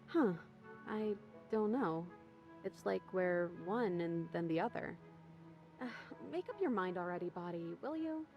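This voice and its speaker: A dry, sardonic chained princess. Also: female voice, lowish voice, animated, a little slow, highs cut off. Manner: dry, wry, teasing. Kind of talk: video game voice acting. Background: game music.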